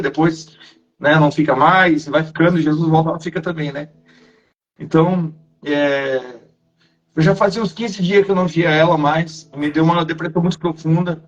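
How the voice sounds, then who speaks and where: A pastor telling his conversion story in an emotional, slow and earnest way during a live stream. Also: on the high side, dull audio. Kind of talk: testimony in a live interview.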